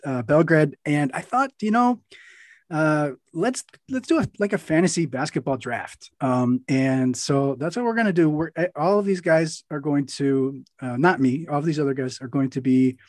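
A man's voice: on the high side, a little mellow, dry recording, clean studio sound. A man hosting a podcast, talking casually with lots of fillers and restarts. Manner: rambling, many fillers and restarts. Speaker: podcast host.

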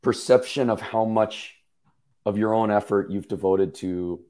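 Gravelly, tired low-voiced man. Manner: relaxed, unhurried riffing with fillers. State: hoarse from smoking and tiredness. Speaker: podcast guest. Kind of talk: casual podcast conversation.

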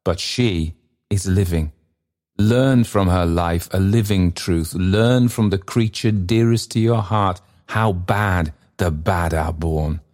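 A man reading aloud and voicing the spirit of a church bell, who speaks in stern, grave, measured pronouncements. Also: deep voice, a little mellow.

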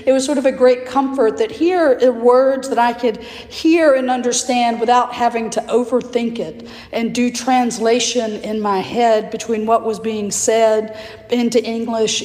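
A hoarse, raspy woman priest preaches in a measured, gentle way. Her voice sits a little high and rings through a roomy church with a long reverb tail. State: hoarse from allergies. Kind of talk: sermon. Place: church sanctuary.

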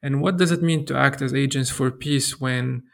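Middle-aged man from Lebanon as an interview guest; gravelly, flat delivery, earnest and measured. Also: medium pitch. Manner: earnest, measured, with frequent restarts. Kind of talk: thoughtful interview answer.

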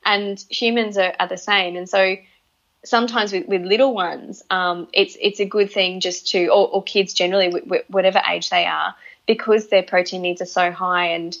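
A woman's voice: lowish voice, steady tone, normal speed, a bit bright. A woman with an Australian accent talking casually as an interview guest, often repeating words and restarting phrases as she thinks aloud. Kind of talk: relaxed conversational interview. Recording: slightly dull, lo-fi audio.

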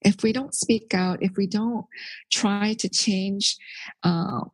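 A woman's voice: mid-range voice, fairly even intonation, slow, husky, no room sound, poor audio. A middle-aged woman author, born in Korea and raised in Canada, speaking thoughtfully and earnestly in an interview, with many fillers. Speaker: author, theologian guest. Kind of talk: interview conversation.

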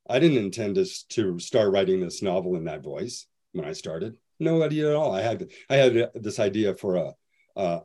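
A man's voice: lowish voice, mellow. A man speaking as a guest author on an online panel, rambling with many restarts and "you know" fillers. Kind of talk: casual panel chat.

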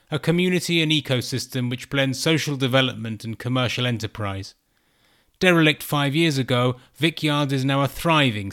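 A man hosting his own podcast, reading a scripted narration in a measured, read-aloud way. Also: mid-range voice, fairly bright tone. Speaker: podcast host.

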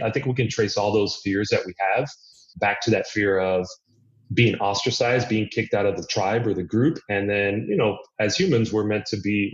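A man from Miami, a podcast guest, talking earnestly and reflectively, thinking aloud with frequent restarts. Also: on the low side. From Miami, United States. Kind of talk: reflective conversational interview. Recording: echoey room, dull lo-fi sound.

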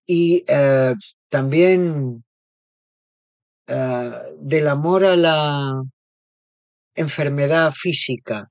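A man's voice: a little high, drawn-out words, pauses often, dry recording. A man, a therapist being interviewed, explaining ideas thoughtfully and often checking in with little tag questions. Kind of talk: reflective interview talk.

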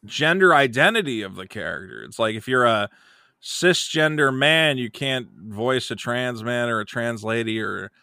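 A young adult man, a comedian, talking as a guest in a loose, animated, jokey way. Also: medium pitch, vocal fry, no echo, clean studio sound. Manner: animated, jokey, quick to slip into goofy voices. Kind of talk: casual conversation.

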